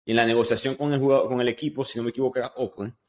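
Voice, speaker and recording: Man hosting, asking measured questions. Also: medium pitch, fairly even intonation, a little mellow. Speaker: podcast host. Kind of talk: conversational interview.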